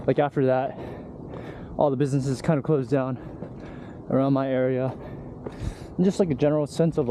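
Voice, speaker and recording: A young man talking loosely and candidly to his camera while hiking uphill, out of breath. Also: mid-range voice. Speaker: vlogger. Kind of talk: casual vlog talk while hiking. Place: outdoors on a hiking trail. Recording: outdoor recording with clear background noise.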